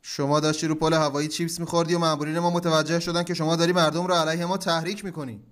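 A man's voice: a little high, little pitch movement, fairly bright tone, close to an everyday voice. An actor playing a stern, pompous male interrogator who snaps orders, in a comedy sketch. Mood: accusing. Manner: bossy and commanding, snapping orders.

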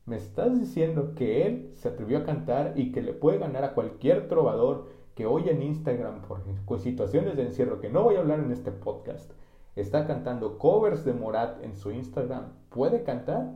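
A man's voice: medium pitch, big pitch swings, normal speed, highs cut off, pitched above the performer's own voice, close to an everyday voice. A man voicing a grumpy, scolding older male heckler with a Mexican Spanish accent, indignant and bossy. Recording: echoey room.

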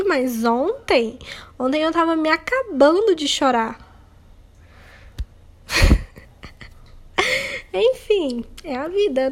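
High-voiced young Brazilian woman podcaster. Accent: Brazilian Portuguese. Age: young adult. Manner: candid, rambling, self-mocking with nervous laughs. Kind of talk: casual confessional monologue.

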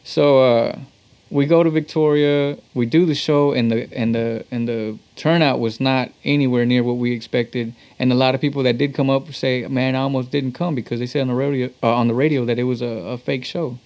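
This man, a talk box artist from Texas, United States, talks a little fast in a casual interview full of anecdotes and slangy, laid-back phrasing. His medium-pitched voice stays fairly even, with a darkish tone and cut-off highs.

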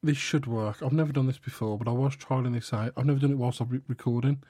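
British bloke co-hosting a podcast, mid pitch, halting chatty delivery, very dry room. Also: male voice, steady tone, dark tone, breathy edge, dry recording. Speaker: podcast co-host. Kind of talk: casual chat.

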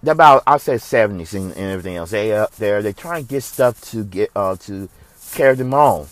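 A man's voice: fairly low pitch, expressive, fairly quick, no room sound. A man from the United States hosting a religious commentary show, speaking in an impassioned, preachy way that repeats phrases for emphasis.

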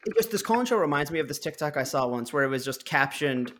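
A man's voice: a little high, expressive, fairly bright tone, a little hiss or hum. A man co-hosting a podcast, chatting casually with wry jokes. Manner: quick, joking, wry asides. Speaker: podcast co-host. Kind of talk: casual chat.

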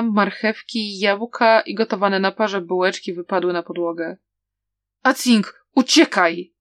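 A woman narrating a storybook with a steady, softly dramatic reading. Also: medium pitch, dry recording. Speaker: audiobook reader.

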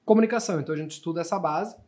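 A Portuguese man in his thirties with a European Portuguese accent chats as a podcast guest, telling stories casually with many restarts and tag questions. His voice is on the high side and a little mellow, and he talks rapid-fire.

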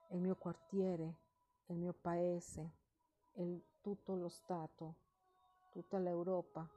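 Female meditation guide, mellow and lowish, very unhurried, soft breathy delivery with measured phrases. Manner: measured, pausing between short phrases. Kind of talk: slow guided meditation with recited affirmations.

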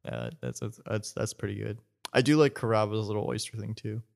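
A man's voice: on the low side, sing-song, a little fast, creaky. A young man co-hosting a podcast, chatting casually, rambling and swearing, laughing often. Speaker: podcast co-host. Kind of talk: casual chat.

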